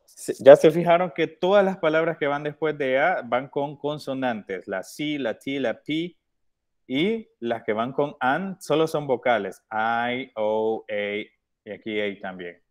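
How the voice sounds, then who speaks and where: A man's voice: medium pitch, measured pace, darkish tone. Male teacher for a kids' English lesson, patient and repetitive. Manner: patient, repeats words often. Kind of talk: online class instruction.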